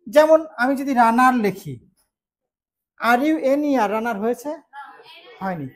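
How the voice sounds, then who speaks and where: A woman from Bangladesh teaching an English spelling rule, explaining slowly, repeating key points and checking that students follow. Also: a little high, animated. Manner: slow, repetitive explaining with check-in questions. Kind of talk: classroom spelling lesson.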